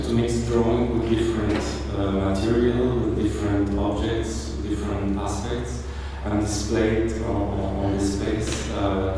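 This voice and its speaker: Man, from Algeria, gallery artist talk, halting and hesitant, slow, flat delivery, distant mic, ambient room noise. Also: on the low side, heavy reverb, big-room sound. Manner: hesitant, halting, many pauses and restarts. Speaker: visual artist presenting his work. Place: art gallery hall.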